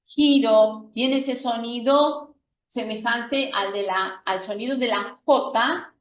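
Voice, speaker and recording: A woman teaching a careful lesson, speaking slowly in a fairly high voice. She repeats example words patiently and keeps checking that her students follow. The mic sits some way off in a roomy, echoing space. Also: a bit bright. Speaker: Spanish teacher. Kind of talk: slow, careful classroom explanation. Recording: echoey room from a distant mic.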